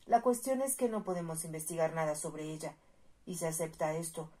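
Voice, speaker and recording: A woman reading the lines of a proud, angry young male marquis in a storybook reading, with a forceful, exasperated delivery. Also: deep voice, expressive, fairly quick.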